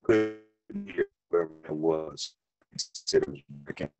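A male pastor on a video call, his speech coming through glitchy, robotic and breaking up into halting fragments. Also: a bass voice, a little mellow, highs cut off, faint music behind. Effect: glitchy, robotic, breaking-up video call audio. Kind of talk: leading a Bible study over a video call.

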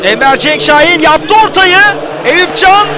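A male football commentator screams the play-by-play in a strained, extremely high register. His delivery is excited and urgent. A loud stadium crowd roars behind him on a noisy live feed. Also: measured pace.

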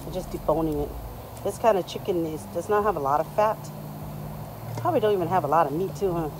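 A woman's voice: on the low side, rapid-fire. A woman host chatting casually while filming outdoor cooking, mixing in Lao-Thai phrases. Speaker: channel host. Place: outdoor backyard. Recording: noisy outdoor phone recording. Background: outdoor ambience, passing vehicles.

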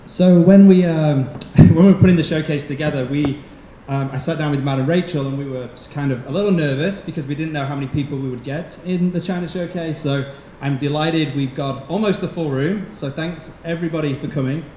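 A slightly high-pitched man speaks as school principal, welcoming and thanking a seated crowd in a relaxed, chatty way, filling pauses with ums. His handheld mic carries into an echoey hall, with a faint hiss underneath. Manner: casual, thankful, with frequent ums. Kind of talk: welcome speech to an audience. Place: large event hall with seated audience. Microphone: handheld microphone.

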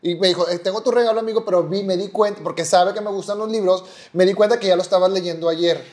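Mexican guy with a high voice, calm, keeps saying no that's not true. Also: fast. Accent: Mexican Spanish. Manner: reasoning, patient, gently contradicting. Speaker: podcast co-host. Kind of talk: casual chat.

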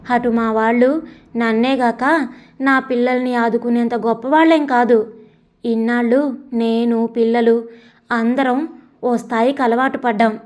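Woman voicing a calm, resigned wife. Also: on the high side, lightly acted. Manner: measured, reasoning.

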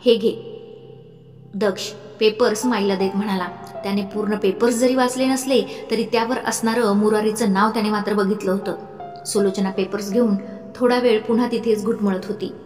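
A woman narrating a story as an audiobook reader, with an even storytelling delivery. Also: mid-range voice, fairly quick. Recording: echoey room with faint music.

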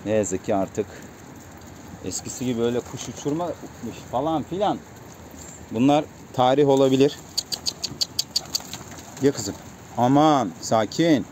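A man's voice: medium pitch, lively intonation, measured pace, long pauses, noisy background. A man at his pigeon coop, talking casually to his viewers and calling to his birds over and over. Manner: coaxing birds with repeated calls. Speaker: pigeon keeper vlogger. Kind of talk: casual vlog talk to viewers. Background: cooing pigeons.

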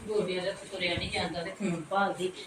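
A woman playing a sharp-tongued young daughter-in-law in a comic family skit, with a Punjabi accent and a sarcastic, taunting manner. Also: fairly low pitch, little pitch movement, fast talker, lightly acted. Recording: echoey, distant, very noisy home recording.

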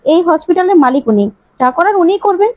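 Crooked doctor man voiced by a woman, reassuring, high, dull. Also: expressive, fast, dry recording. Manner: reassuring on the phone. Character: crooked male hospital doctor, smooth reassurer. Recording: slightly muffled dry recording.

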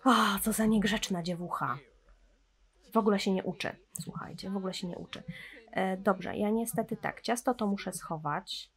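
A woman's voice: mid-range voice, normal speed, breathy edge. A young woman casually commenting on a life-simulation game, chatting with viewers and talking to her characters. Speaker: gameplay commentator. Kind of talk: casual let's-play commentary.

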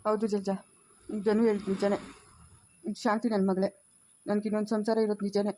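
Woman doing a low, flat, dark-toned guilty father, pleading, faint background noise. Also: brisk, natural voice. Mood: confessing. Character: guilt-ridden middle-aged father caught with a second family. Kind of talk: amateur family drama acting.

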